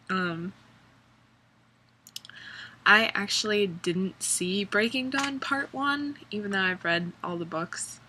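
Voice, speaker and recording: Young woman vlogger, unhurried and low, bright sharp tone, sarcastic rambling chat. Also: a little hiss or hum. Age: young adult. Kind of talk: casual vlog chat. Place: college dorm room.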